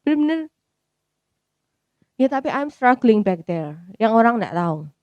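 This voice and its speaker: A woman with a Javanese accent gives a personal church testimony at a youth service, chatting casually, slipping in English phrases and acting out her own thoughts. Her voice is fairly high with big pitch swings and a measured pace. The audio is dull but free of echo.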